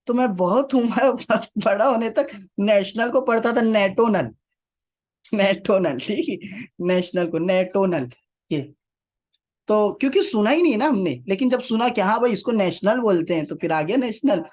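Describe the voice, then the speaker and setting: A man's voice: high-pitched, expressive, a little mellow. A man teaching Quranic Arabic, repeating key phrases and putting rhetorical questions to his class. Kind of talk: classroom lecture.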